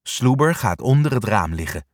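A man reading a children's story aloud with an expressive, animated manner. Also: medium pitch, moderate pace, no room sound, studio quality.

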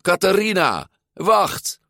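A man reading a storybook and voicing an eager, hurried twelve-year-old boy sea monster in a raised, polite voice. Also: mid-range voice, big pitch swings, no echo, studio quality, pitched above the performer's own voice, natural voice. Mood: shouting. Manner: hurried, polite, shouting after runaway fish.

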